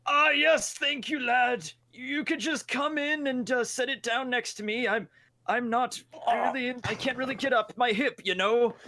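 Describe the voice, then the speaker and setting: A man voicing a very old, frail, polite man with a faint, thin voice and halting, feeble delivery in a tabletop game. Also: very high voice, pushed and bright, pitched above the performer's own voice, exaggerated voice.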